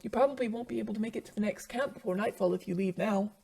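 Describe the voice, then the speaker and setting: A woman doing a quiet, gravelly young man. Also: mid-range voice, racing. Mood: soft, hesitant. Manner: quiet, hesitant and soft. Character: soft-spoken gentle young man survivor. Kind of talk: amateur audio drama.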